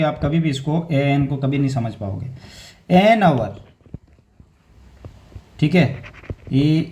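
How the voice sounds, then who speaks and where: A young man with a slightly raised voice runs a casual exam-coaching grammar lesson. He repeats key words and keeps checking that students follow with a steady "theek hai". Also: on the high side.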